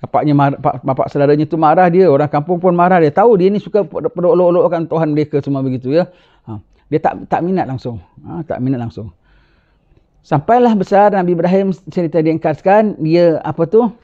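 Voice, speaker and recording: Lively storytelling preacher, fairly high voice. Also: male voice, brisk, lo-fi sound. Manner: animated, tags lines with rhetorical "ha?". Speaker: religious teacher. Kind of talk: sermon storytelling.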